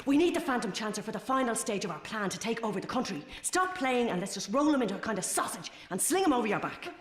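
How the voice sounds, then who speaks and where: A man's voice: high-pitched, sing-song, fast talker, background noise. A man playing a flustered, bumbling supervillain in a comic radio play, in an echoey room. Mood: scheming. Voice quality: fussy, flustered, muttering. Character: bumbling male supervillain plotting a takeover. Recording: echoey room with long reverb.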